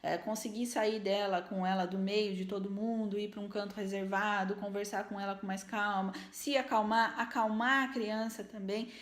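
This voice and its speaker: A woman's voice: medium pitch, little pitch movement, normal speed, hardly any pauses, reverberant. Earnest woman giving parenting tips. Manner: earnest and explanatory, many tag questions. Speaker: parenting advice vlogger. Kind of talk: casual advice talk to camera.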